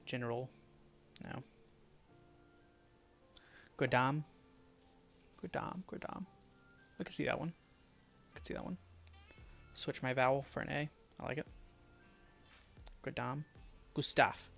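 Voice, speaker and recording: A man streaming live, thinking aloud as he mutters and repeats made-up names to test how they sound, often dropping to a quiet murmur. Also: medium pitch, steady tone, unhurried, gravelly, long pauses, faint music behind. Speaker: streamer building a fantasy world.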